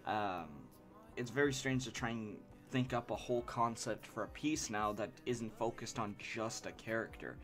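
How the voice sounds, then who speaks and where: Drawing on a live stream with soft music behind him, a young man talks casually in a lowish voice, sniffly and stuffed up from allergies. His chat is rambling and halting, full of restarts, and he comes across as apologetic and self-deprecating.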